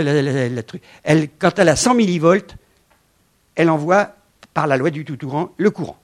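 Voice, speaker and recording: Man, 70s, animated lecturer with slides; bursts of emphasis and murmured asides, slightly high-pitched. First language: French. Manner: animated, swings from loud emphasis to quiet asides.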